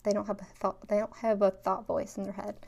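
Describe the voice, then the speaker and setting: A spiritual vlogger from New York, USA, shares stories in a loose, chatty, rambling style, leaning heavily on "like" and "um." Her medium-pitched voice is mellow and dark with plenty of gravelly fry, delivered flatly and fairly quickly.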